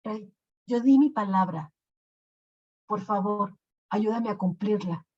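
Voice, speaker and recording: A woman voicing a gentle, earnest young knight. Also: high-pitched, slow pace. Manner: earnest, courteous. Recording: lo-fi recording.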